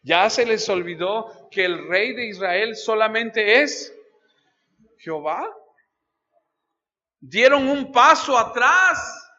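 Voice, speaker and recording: A man preaching an expository Bible study sermon, reading scripture aloud and speaking straight to his listeners, dropping low for emphasis. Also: lively intonation, slow pace, pauses often, pushed and bright, in a large hall, lo-fi sound. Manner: reads scripture aloud, then addresses listeners directly. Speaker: pastor. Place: church.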